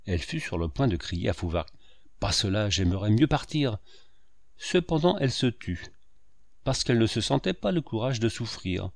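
Guy reading a novel aloud, steady and measured, dry close mic. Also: medium pitch, vocal fry, no echo. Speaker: narrator. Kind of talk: audiobook narration.

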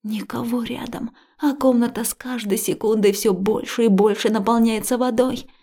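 A woman reads a first-person story in a close, emotional voice that often drops to a breathy whisper. Her tone is husky, with a gravelly fry at the ends of her phrases, and it sits a little higher than average. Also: fairly even intonation, moderate pace, warm tone. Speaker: audiobook narrator. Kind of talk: first-person scripted narration.

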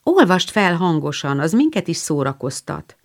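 A woman's voice: lowish voice, very animated. A woman voicing a prim, vain young girl who puts on grown-up airs in a storybook reading.

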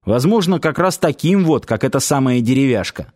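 A man reading an audiobook aloud in a steady, measured way. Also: medium pitch. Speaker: narrator.

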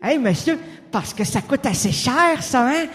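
A man's voice: very high-pitched, lively intonation, unhurried, fairly bright tone, long reverb tail, pitched above the performer's own voice, full character voice. A man voicing a dazed, ghostly male philosopher who keeps pestering with whiny, insistent questions.

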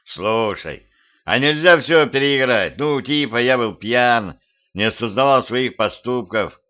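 A man's voice: mid-range voice, animated, a little slow, close to an everyday voice. A man doing a whiny, blustering buddy. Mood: whining. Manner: whining, blustering. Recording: muffled lo-fi home recording.

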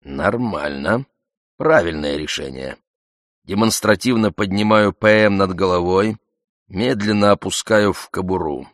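A man's voice: low-pitched, no room sound, clean studio sound. A man narrating an audiobook in the first person, with a terse, clipped delivery.

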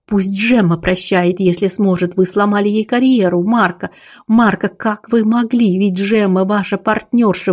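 Lady doing tired fed-up young russian soprano, indignant, mellow. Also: medium pitch, natural voice. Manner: exhausted, indignant outbursts.

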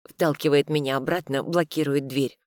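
A woman narrating a first-person audiobook who acts out her character's lines in loud, high cries. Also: steady tone, moderate pace, no echo, studio quality.

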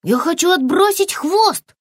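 A woman voicing a timid, eager little girl lizard in a storybook, speaking in a high squeaky voice. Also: expressive, a little slow, dry recording, studio quality. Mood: frightened.

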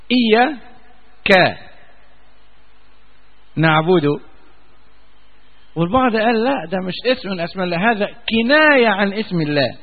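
Egyptian sheikh teaching in a tinny echoing hall. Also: male voice, sits high. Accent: Egyptian Arabic. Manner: chanting verses slowly, then explaining in colloquial asides. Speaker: sheikh teaching Quran commentary. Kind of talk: religious lesson. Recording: tinny phone-like sound with long hall reverb.

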